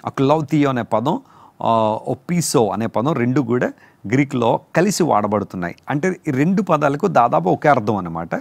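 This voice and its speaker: A man preaching a sermon, explaining terms slowly and repeating each word. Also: mid-range voice, lively intonation, vocal fry, no room sound. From India. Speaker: pastor. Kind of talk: sermon teaching on word meanings.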